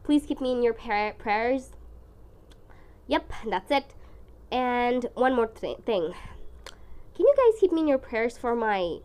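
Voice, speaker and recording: A woman's voice: fairly high pitch, slow pace, long pauses, clean tone. A young woman with a congested, strained voice from the flu, chatting casually and expressively as she narrates her painting. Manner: expressive, dramatic, self-deprecating. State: sick with flu. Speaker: art vlogger.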